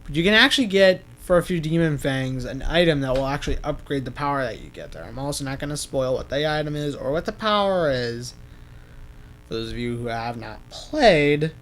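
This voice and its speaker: A man's voice: fairly high pitch, animated, a little fast, a bit bright, slight background noise. A man giving casual gameplay commentary as a let's-play host, rambling and correcting himself as he goes. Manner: rambling, self-correcting, laughs at own slips.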